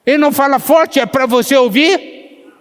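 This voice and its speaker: A man preaching a sermon who slows down to stress scripture and asks the congregation questions, pausing for their answers. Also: very high-pitched. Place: church meeting hall. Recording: long hall reverb.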